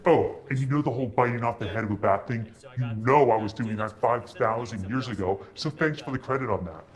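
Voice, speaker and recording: A man playing an aggrieved, sardonic ancient pet demon in a comic advert, his voice electronically pitched down. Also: a little fast. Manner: sardonic, indignant. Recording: advert playback with music behind. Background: music.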